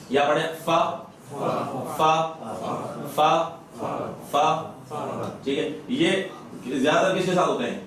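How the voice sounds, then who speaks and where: A man teaching Quran recitation in a madrassa classroom. He quizzes students over and over and slowly demonstrates each sound. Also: fairly high pitch, fairly bright tone, slight background noise. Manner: drills students with repeated questions and slow sound demonstrations. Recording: echoey classroom from far off.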